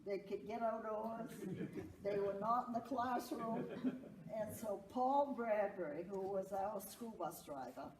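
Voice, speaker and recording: An older woman speaks slowly to a local gathering, projecting like a schoolteacher through allergy congestion. She tells things in a folksy, informal way. The recording is distant and echoey, with some noise. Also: medium pitch. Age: older, around her 60s or 70s. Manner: folksy storytelling with a projected teacher voice. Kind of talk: informal talk to a local audience. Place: indoor public talk in a roomy space. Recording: echoey room, distant mic, noisy, clicks.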